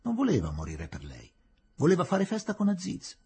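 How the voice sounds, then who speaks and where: A man reading a novel aloud in a varied, expressive way. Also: sits high, moderate pace, over loud music. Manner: expressive, shifting dramatic reading. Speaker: reader.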